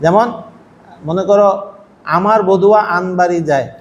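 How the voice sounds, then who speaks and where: A man's voice: sits high, normal speed, lo-fi sound. A man teaching a university language class, explaining patiently and asking his students rhetorical questions. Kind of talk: classroom lecture. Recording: faint noise, long hall echo.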